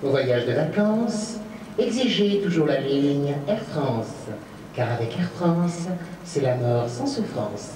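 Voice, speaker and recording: A man's voice: a little high, big pitch swings, slow pace, background noise. Man, drag cabaret comic, spoof ad announcer, roomy hall sound. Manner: mock-commercial announcer delivery, camp. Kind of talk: stage comedy sketch. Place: cabaret stage. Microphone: stand mic, filmed from afar. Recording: echoey far-off home video of a stage.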